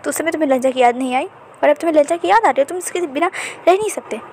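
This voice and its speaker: A woman voicing a stern mother who reproaches her grown son with sharp questions. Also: sits high, fast talker, a little hiss or hum. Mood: scolding. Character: stern scolding mother of a young man.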